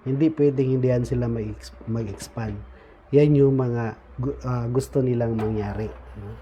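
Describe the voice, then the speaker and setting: A man explaining levels of membership in an informal talk, pausing often on fillers and tagging lines with "no?". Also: medium pitch, steady tone, warm tone. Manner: frequent "no?" tag questions, halting with fillers. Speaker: speaker explaining insurgent recruitment levels. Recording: dull lo-fi recording with faint noise.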